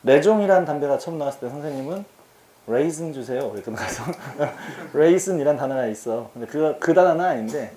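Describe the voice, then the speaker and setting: A man's voice: on the high side, animated, quick pace, few pauses, dark tone, reverberant. A man teaching English vocabulary in a casual exam-prep lecture. He talks in a chatty, slangy way and keeps asking his students questions.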